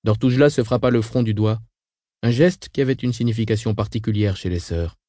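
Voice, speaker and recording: A man reading a novel aloud, measured and even. His voice is dark and mellow, recorded close and dry with no room sound. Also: fairly low pitch, no echo. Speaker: audiobook narrator. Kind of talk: scripted narration.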